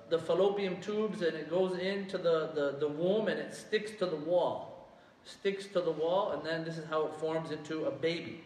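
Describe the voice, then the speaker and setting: High-voiced man teaching in an echoey hall. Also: recorded from a distance, slight background noise. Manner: questions the class often, recites Arabic quickly. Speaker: Islamic teacher. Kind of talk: interactive religious lesson.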